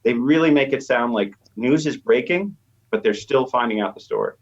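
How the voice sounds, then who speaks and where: A man serving as an expert guest, a professor of media, explains conversationally and thinks out loud while talking. His medium-pitched voice moves at a moderate pace, and the recording comes through a slightly dull, lo-fi line.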